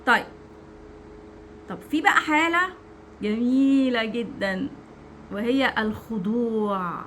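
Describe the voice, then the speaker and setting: A woman's voice: fairly high pitch, slow, fairly bright tone, slight background noise. A woman with an Egyptian Arabic accent giving an informal religious talk, earnest and conversational, with frequent restarts. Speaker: religious speaker.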